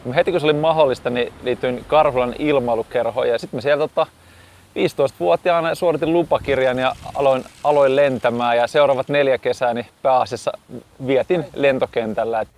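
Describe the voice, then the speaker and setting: Relaxed man reminiscing outdoors. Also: mid-range voice. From southeastern Finland. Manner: relaxed, musing with restarts. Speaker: photographer. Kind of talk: casual reminiscing. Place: outdoors at an airfield.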